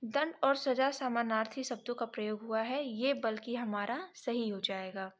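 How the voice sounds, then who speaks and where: A woman teaching an exam prep lesson, reading each option and then correcting it step by step, sometimes pausing to check her notes. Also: fairly high pitch. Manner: pauses to check notes mid-sentence.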